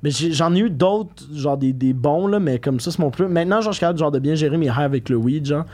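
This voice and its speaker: A young man with a Québécois accent, speaking a little higher than most men. He tells his story in an animated, slangy chat, full of fillers and asides. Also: fast. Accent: Québécois French. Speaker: podcast guest.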